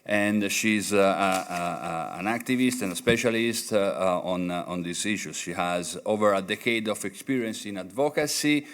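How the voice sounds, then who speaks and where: A man moderating a university event, introducing a guest speaker haltingly with many hesitations. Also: deep voice, a bit bright, smooth.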